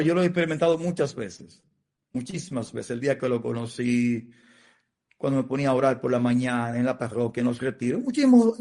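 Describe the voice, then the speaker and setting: Earnest Dominican priest, slightly high voice. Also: male voice, darkish tone. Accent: Dominican Spanish. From Dominican Republic. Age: middle-aged. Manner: earnest, emotional storytelling with repetitions. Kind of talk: interview testimony.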